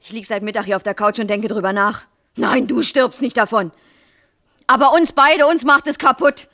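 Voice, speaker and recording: An actress in her twenties playing a frustrated young wife and teacher in a 1970s radio play, sharp and sarcastic. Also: on the high side, steady tone, moderate pace. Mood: bitter. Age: 20s.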